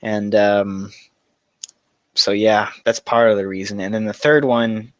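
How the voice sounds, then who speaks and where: A man's voice: lowish voice, little pitch movement, a little slow, no room sound, lo-fi sound. A young man casually chatting on a livestream, telling rambling, profane stories and laughing through them. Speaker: livestream host answering chat questions.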